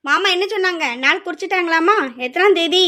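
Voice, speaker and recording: Woman voicing a steady, reassuring aunt, high and bright. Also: fairly quick. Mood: calm. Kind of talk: amateur family drama.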